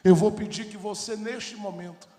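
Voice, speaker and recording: A man preaching a fervent sermon with a Brazilian Portuguese accent, on a handheld mic, swelling into shouting. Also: high-pitched, steady tone, normal speed. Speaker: pastor. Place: large church hall. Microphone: handheld microphone. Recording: echoey hall with loud music. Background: loud worship music.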